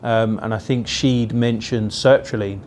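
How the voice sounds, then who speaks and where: A man's voice: fairly low pitch, steady tone, unhurried, darkish tone, slight background noise. A male police officer being interviewed for a documentary, recounting a call in a plain-spoken, reflective way.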